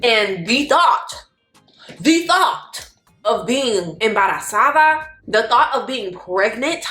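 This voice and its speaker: This twenty-something Florida vlogger, fairly high-pitched, expressive, bright and forceful, takes her time as she chats playfully to viewers while getting ready. She drawls slang and sometimes sings, and faint music fills the echoey room.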